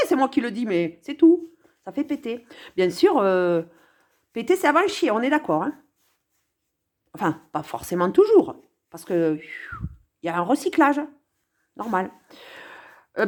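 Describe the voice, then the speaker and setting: A woman giving casual, sarcastic commentary on a song, talking straight to the viewer and swinging between mutters and exclamations. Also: a little high. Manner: sarcastic, playful, talks to the viewer.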